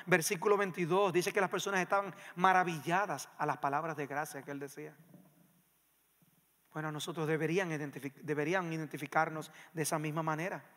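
A man preaches a sermon from the pulpit, his raised voice high and sharp. He pushes hard on key phrases, then pulls back to a near hush. A long reverb from the church sanctuary trails each line. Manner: emphatic preaching that swings between loud and hushed. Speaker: pastor.

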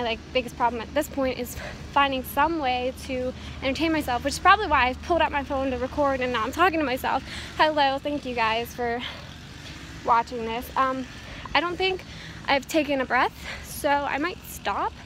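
A woman's voice: sits high, normal speed. A teenage girl rambling casually and profanely into her phone while walking down a town street, laughing at herself. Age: teens. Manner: rambling, profane, self-mocking, frequent laughs. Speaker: vlogger. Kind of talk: casual walk-and-talk vlog. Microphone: phone at arm's length while walking. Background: faint street noise and a weed whacker.

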